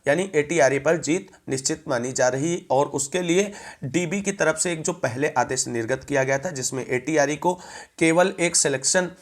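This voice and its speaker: A man's voice: fairly high pitch, normal speed. A man presents a news update, speaking in formal, long run-on sentences.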